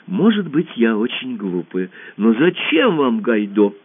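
A man's voice: medium pitch, very animated, measured pace, dry recording. An earnest, honest young girl with a raised, questioning voice, as a male storyteller puts her on. She speaks plainly and boldly. The sound is tinny and narrow, like radio heard on a phone. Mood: puzzled.

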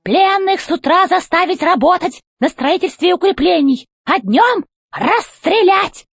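A shrill, squeaky robot commander, as a woman reader puts him on, rusty and bossy, barking orders in a storybook reading. The voice leaps very high and swings wildly. The sound is dry and close. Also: animated, unhurried, no room sound, full character voice. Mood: pompous commanding. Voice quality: creaky, squeaky voice. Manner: barks orders, shouts.

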